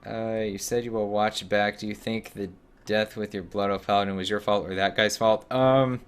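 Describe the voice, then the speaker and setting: Low-voiced rambling male streamer. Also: flat delivery, moderate pace, clear, resonant tone. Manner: rambling, self-mocking, laughs at himself. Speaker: game streamer. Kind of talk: casual gameplay commentary.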